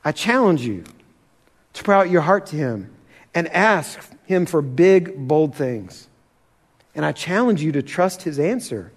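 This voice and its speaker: A pastor giving an earnest sermon, slowing down to stress key points and challenging his listeners. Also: a little high, long reverb tail. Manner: earnest, challenging, slows for emphasis.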